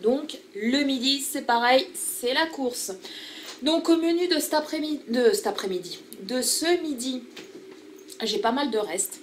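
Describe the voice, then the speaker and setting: A woman's voice: sits high, lively intonation, measured pace, a little hiss or hum. A woman, chatting casually about her family's daily routine in a home vlog. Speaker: family vlogger.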